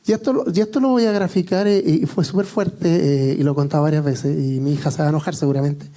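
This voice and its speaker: A man's voice: on the high side, fairly even intonation, quick pace, mellow. A man with a Chilean accent preaching a sermon, telling personal stories in a joking, conversational way.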